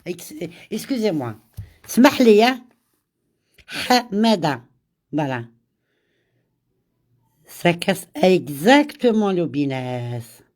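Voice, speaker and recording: Woman with a cold on a live stream, slow and mellow, greets viewers one by one. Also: lowish voice, sing-song. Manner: greets viewers by name, mixes in Arabic greetings; slow, repeats words. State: has a cold. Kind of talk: casual live chat with viewers.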